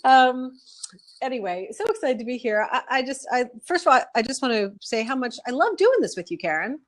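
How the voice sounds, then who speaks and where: A woman's voice: high-pitched, big pitch swings, a little fast. A middle-aged woman co-hosting a casual live-stream chat over a webcam, bubbly and chatty, laughing often. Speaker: co-host.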